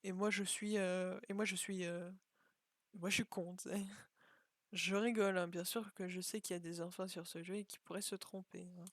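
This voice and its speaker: A woman's voice: on the low side, steady tone, normal speed, dry recording. A young woman chatting casually as she plays and comments on a video game, thinking aloud and joking at herself. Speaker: gaming video creator.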